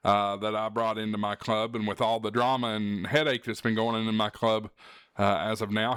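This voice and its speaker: Smooth and fairly low-pitched, with a fairly bright tone, this man hosts a ham radio hobby show. He speaks to the listener directly and casually to camera, earnest and encouraging, and stresses key words. It's a dry, clean studio recording.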